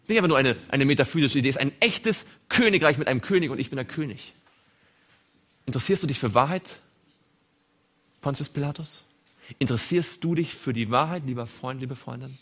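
A man preaching a sermon, dramatically acting out biblical dialogue and swinging between loud emphasis and hushed tones. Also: mid-range voice, animated, normal speed, pauses often.

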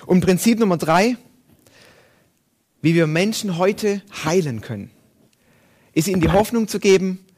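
A man's voice: high voice, animated, measured pace, long pauses, darkish tone, slightly rough. A man preaching a sermon and reading Bible passages aloud, with emphatic, rising and falling delivery.

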